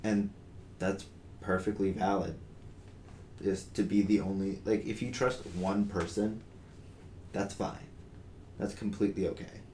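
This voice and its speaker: Young guy on a podcast, kinda low voice, lots of ums and restarts, echoey room w faint hiss. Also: steady tone, unhurried, pauses often, a little mellow. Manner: hesitant, many fillers and restarts, earnest. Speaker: podcast co-host. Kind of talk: casual discussion. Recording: roomy with faint noise.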